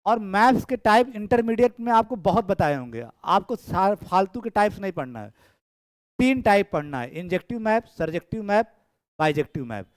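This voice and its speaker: एक पुरुष गणित शिक्षक कक्षा में पढ़ा रहे हैं, बातें दोहराते हुए और छात्रों की कॉपियाँ जाँचते हुए।. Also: male voice, high voice, lively intonation, normal speed, dry recording. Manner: chatty, repeats phrases, checks students' work aloud. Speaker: maths teacher. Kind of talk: classroom lecture. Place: classroom. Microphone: camera in room.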